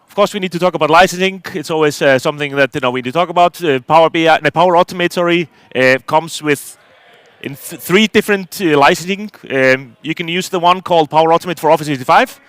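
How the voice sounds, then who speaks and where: This middle-aged man from Iceland has a somewhat high, slightly bright voice that's clear and resonant, and he talks at a quick pace. Giving a technical talk from a conference stage, he's hesitant, with many fillers and restarts, recorded without echo.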